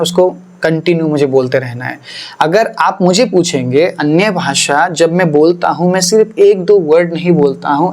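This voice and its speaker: A man's voice: sits high, darkish tone. Earnest Hindi-speaking male pastor. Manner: earnest, explanatory, mixes English phrases into Hindi; repeats phrases for emphasis. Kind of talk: podcast teaching.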